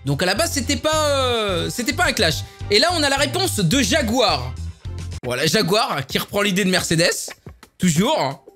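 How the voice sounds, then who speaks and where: A man's voice: high-pitched, big pitch swings, moderate pace, pushed and bright. A man giving casual, amused commentary as a YouTuber reacting to ads, over background music. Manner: chatty, amused. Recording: music playing underneath.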